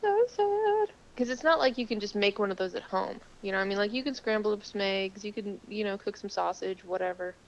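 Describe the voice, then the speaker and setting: A woman's voice: mid-range voice, lively intonation, brisk, hardly any pauses. Woman on a tinny, tin-can cell phone. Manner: chatty, rambling, lots of fillers. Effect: tinny cell-phone sound, like a tin can. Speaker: co-host. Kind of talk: casual podcast chat. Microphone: cell phone call.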